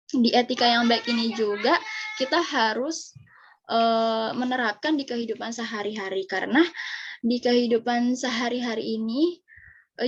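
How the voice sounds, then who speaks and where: A young woman with an Indonesian accent giving a casual public speaking lesson, chatty and full of fillers. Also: a little high. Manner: chatty, many fillers, demonstrates MC greetings. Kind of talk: casual instructional talk. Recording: lo-fi muffled recording.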